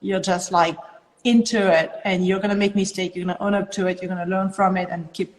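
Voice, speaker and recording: A woman's voice: on the low side, level tone, fast talker. A woman with a French accent talking casually as a podcast host. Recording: echoey, reverberant room.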